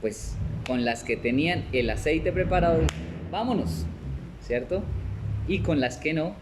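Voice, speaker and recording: Colombian man, young adult, conversational discipleship teacher, somewhat high-pitched, faint background noise. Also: expressive, measured pace. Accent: Colombian Spanish. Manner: conversational, asks "¿cierto?" and "¿sí?" often, laughs, acts out little scenes. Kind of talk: teaching a Bible class.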